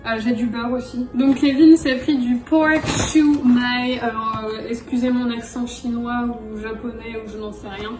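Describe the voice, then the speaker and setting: A woman's voice: fairly high pitch, steady tone, moderate pace, few pauses, roomy sound, far from the mic, over music. A woman from France chatting casually to her phone camera as she unpacks her groceries. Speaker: vlogger. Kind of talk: casual vlog chat.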